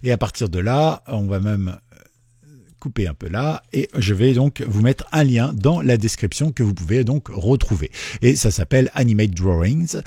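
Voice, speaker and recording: Husky, dry-voiced man hosting a tutorial. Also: mid-range voice, animated, moderate pace, mellow, no room sound. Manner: jokey, self-mocking, chatty. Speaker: tutorial host. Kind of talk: casual screen-recorded tutorial.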